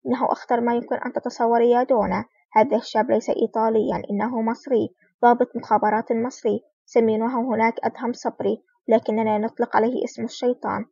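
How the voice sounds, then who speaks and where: A woman's voice: on the high side, level tone, fast talker, gravelly, mellow, breathy edge, no room sound. A woman reading as an anxious male mafia boss. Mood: worried. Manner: anxious, urgent warnings. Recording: dull lo-fi recording.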